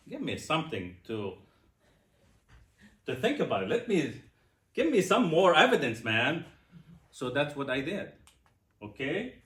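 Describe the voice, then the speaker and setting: A man in his sixties giving a personal testimony speech, animated and asking his audience questions. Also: high-pitched, echoey room. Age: 60s. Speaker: speaker.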